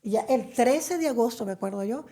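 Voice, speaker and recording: Middle-aged lady from venezuela telling her story to an interviewer, low mellow tone, a bit of fry. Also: lively intonation, a little fast. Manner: chatty, warm storytelling with many fillers. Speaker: interview guest. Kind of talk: conversational interview.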